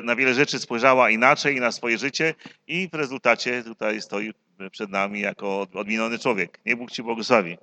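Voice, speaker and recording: Male pastor, mid-pitched, bright and forceful tone, church service host.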